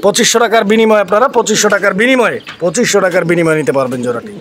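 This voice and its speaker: Man, rapid-fire delivery, high voice, showing off birds at a farm, talks straight to viewers. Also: fairly bright tone, a little hiss or hum. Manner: repeats prices, addresses viewers, haggles. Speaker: vlogger touring a pigeon farm. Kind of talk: casual on-site product presentation. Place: outdoor pigeon farm.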